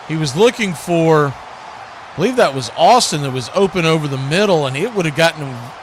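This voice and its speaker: This American play-by-play man works live football on radio along with station promos, narrating action in clipped announcer style. His voice leans high and a bit bright, with slight background noise.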